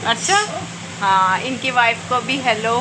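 A woman in her thirties with a slightly high voice chats casually to her viewers as she browses the shops. She films herself on a phone held at arm's length inside a busy indoor mall. Loud crowd and traffic noise fills the background. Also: a little slow. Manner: chatty, talking to viewers while shopping. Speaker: vlogger. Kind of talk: casual shopping vlog narration.

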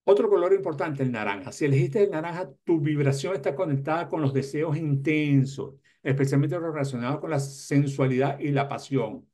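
A man in his sixties, hosting self-help content, gives motivational advice straight to camera, emphatic and repeating key words. His voice is a little high and dark in tone, and he talks briskly with few pauses. He's in a small indoor room lined with bookshelves.

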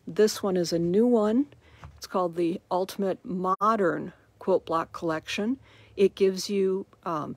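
Woman showing off her quilt shop, talks real slow, dry close sound on a phone. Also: mid-range voice, dry recording. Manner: slow, chatty, promotional. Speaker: quilt shop staff giving a tour. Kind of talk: walking shop tour narration. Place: large indoor quilt shop.

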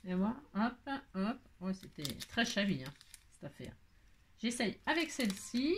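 A woman's voice: medium pitch, big pitch swings, unhurried, slight background noise. A woman with a French accent hosting a card-making tutorial, chatting and thinking aloud as she works, with frequent delighted exclamations. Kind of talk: casual crafting tutorial.

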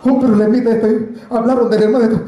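A jokey, storytelling pastor gives a sermon at church and keeps calling the congregation brother. He speaks fairly quickly in a very high voice with little pitch movement. A crowd is audible in the background of the echoey church hall.

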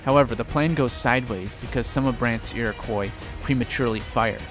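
A man's voice: medium pitch, fairly quick, music in the background. A man hosting a history channel, narrating a battle in a casual, conversational storytelling way.

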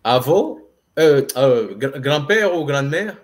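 A man's voice: medium pitch, big pitch swings, takes it slowly. A man taking part as a student in a class, giving brief, tentative replies and questions.

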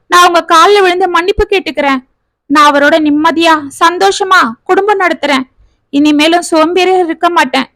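A woman's voice: high-pitched, a bit bright, no echo. A woman voicing an emotional young married woman who pleads for forgiveness and then talks eagerly. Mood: sobbing remorse.

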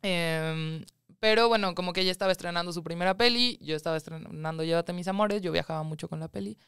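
Mexican woman in her thirties, a film producer recounting her early career in a relaxed interview. Her voice is very crisp and clean, recorded dry and close. She tells it with animated energy, slipping into other people's voices. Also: lowish voice, fast, no echo. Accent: Mexican Spanish. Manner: animated storytelling, acts out quoted voices. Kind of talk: casual interview chat.

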